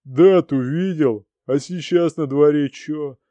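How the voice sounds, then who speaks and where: A man's voice: fairly high pitch, takes it slowly, mellow, dry recording, highs cut off, pitched above the performer's own voice. A man voicing a bossy, barking shop clerk woman. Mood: scornful. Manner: barking, scornful.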